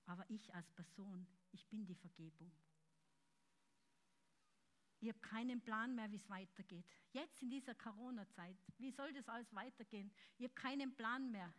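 A woman preaching a charismatic sermon, calling out loudly and then dropping to soft, close speech. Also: fairly high pitch, normal speed. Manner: fervent, swings between loud shouts and soft intimate speech.

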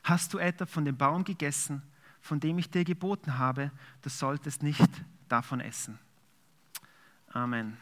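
A man's voice: a little high, unhurried. A man preaching a sermon, reading scripture aloud and then explaining it in a conversational way with fillers. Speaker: pastor.

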